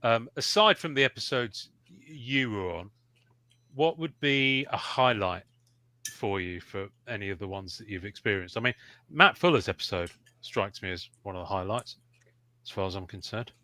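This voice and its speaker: Man, from the UK, bright voice, casual host, dry teasing humor. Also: on the low side, animated, normal speed, no echo. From United Kingdom. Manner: wry, teasing, with frequent fillers. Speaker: podcast host. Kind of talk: casual panel chat.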